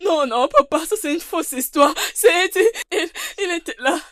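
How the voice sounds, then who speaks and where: An actress playing a distraught young daughter, tearful and pleading, in a French-dubbed film. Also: female voice, very high-pitched, animated, moderate pace. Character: distraught young daughter, recovering lost memory.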